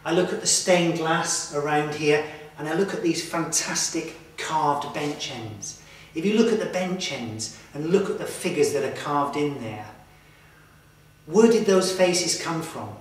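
A man in his thirties presenting to camera in a slow, earnest, reflective way, inside a stone church. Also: a little high, lively intonation. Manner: slow, earnest, with emphatic pauses. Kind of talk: reflective documentary talk to camera. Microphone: far camera mic. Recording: echoey church from far off.

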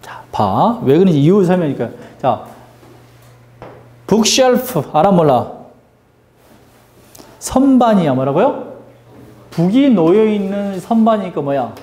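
A male English teacher giving a lively classroom grammar lesson, drilling students with call-and-response questions and teasing them. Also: sits high, a little slow, pauses often, roomy sound.

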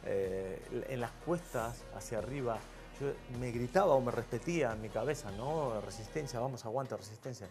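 A man's voice: mid-range voice, moderate pace, few pauses, over music. A man from Argentina with a mixed Argentine and Spanish accent, chatting frankly and casually as a talk show guest. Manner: relaxed, frank, laughs at himself. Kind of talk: casual chat.

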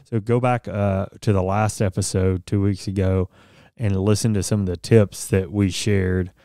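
Relaxed man with a mellow studio voice. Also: sits low, moderate pace, vocal fry, clear, resonant tone, no echo. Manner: conversational, reads statistics with frequent fillers. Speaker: podcast co-host. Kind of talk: casual radio-style news chat. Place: small studio office with bookshelves. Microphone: studio mic on boom arm, headphones.

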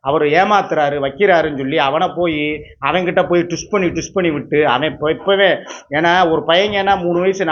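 A man's voice: fairly high pitch, highs cut off. A man in his fifties, tearful, talks in a rambling, repetitive way as he pleads with his viewers in an emotional vlog monologue. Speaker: YouTube entertainer.

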